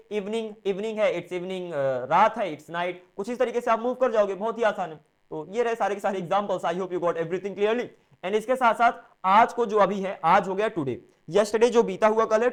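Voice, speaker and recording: High-voiced Indian man teaching English. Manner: explains step by step, asks and answers his own questions. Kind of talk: classroom lesson mixing Hindi and English.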